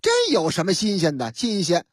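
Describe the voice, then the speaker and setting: A woman's voice: lowish voice, sing-song, a little fast, husky, no echo. A woman radio host, telling a news story in a comic storytelling manner with set phrases and asides, on a studio microphone.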